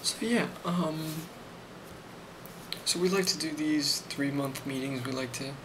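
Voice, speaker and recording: A man with a fairly high pitch does an ASMR role play as a company boss reviewing an employee's performance. He's soft-spoken, often near a whisper, and his improvised speech is halting and full of ums, with clearly audible noise behind him.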